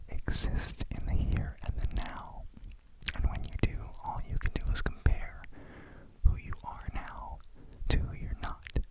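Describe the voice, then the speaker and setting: Slow, fully whispered ASMR meditation voice. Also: poor audio. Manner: slow, reflective, deliberate phrasing.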